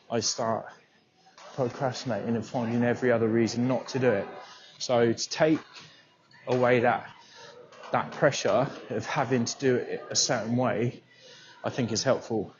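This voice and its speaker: A man's voice: medium pitch, fairly even intonation, normal speed. A man with a cold-blocked nose, casually rambling and swearing as he talks to himself for his podcast while walking outdoors. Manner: sweary, self-deprecating, rambling. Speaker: podcast host. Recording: muffled outdoor recording with faint noise.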